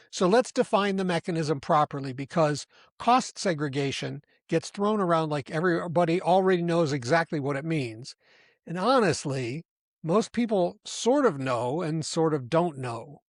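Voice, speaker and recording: A man hosting a podcast, giving a scripted explainer in an emphatic, deliberate way and slowing down to stress key points. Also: on the high side, no echo, clean studio sound. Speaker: podcast host.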